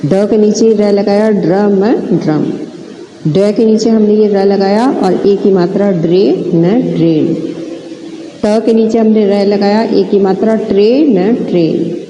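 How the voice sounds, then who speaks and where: A woman teacher talks children through spelling at a very slow, deliberate pace, breaking each word into syllables and checking in with them often. Her voice is deep and mellow, and the room around her rings with a long echo over a faint hiss. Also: steady tone. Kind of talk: classroom lesson, spelling words aloud. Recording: echoey room with long reverb, faint noise.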